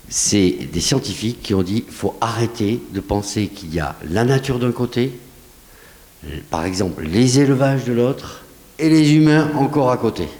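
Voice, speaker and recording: Un homme à l'accent du Sud-Ouest, animé, grave. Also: male voice, on the low side. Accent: southwest French. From southwest France. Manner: lively, conversational, rhetorical questions. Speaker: guest scientist answering audience questions. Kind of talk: public lecture Q&A. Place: lecture hall. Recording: long hall reverb.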